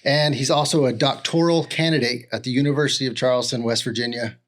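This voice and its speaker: A man's voice: mid-range voice, fairly even intonation, fast talker, fairly bright tone. A man hosting a podcast, introducing his guest in an upbeat, enthusiastic way with a few fillers. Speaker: podcast host.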